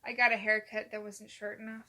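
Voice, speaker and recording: A woman's voice: medium pitch, little pitch movement, brisk, pushed and bright. A woman co-hosting a podcast, chatting casually in a teasing way. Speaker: podcast co-host. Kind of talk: casual chat.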